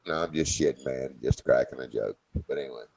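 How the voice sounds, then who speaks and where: A man joking evasively and deadpan in a casual group voice chat. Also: extremely low pitch, quick pace, vocal fry, husky, rough recording.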